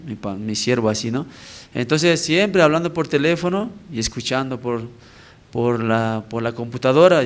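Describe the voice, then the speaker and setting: A male evangelist giving a personal testimony at a church prayer service, talking conversationally and often checking in with the congregation with short tag questions. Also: mid-range voice.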